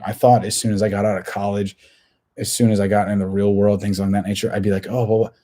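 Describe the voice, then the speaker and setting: Low-voiced young man rambling candidly. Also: mellow. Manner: candid, rambling, self-questioning. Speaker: podcast host. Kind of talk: casual solo podcast monologue.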